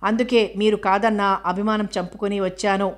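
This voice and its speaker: A woman narrator speaks for a formal middle-aged man in a spoken novel, stiff and firm as if reciting. The voice stays flat and level. It sits at a middling pitch. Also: normal speed, lightly acted.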